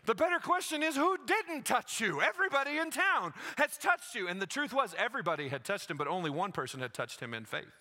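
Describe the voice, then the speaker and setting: A man's voice: high-pitched, big pitch swings, a little fast, hardly any pauses, pushed and bright. A man preaching a sermon, telling a story with energy and acting out the voices of the people in it. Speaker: pastor.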